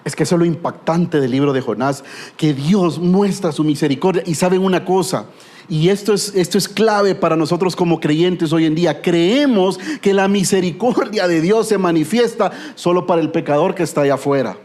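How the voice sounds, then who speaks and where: A man's voice: sits high, normal speed, darkish tone. A middle-aged man preaching a sermon with a Guatemalan Spanish accent, telling stories with humor and rhetorical questions.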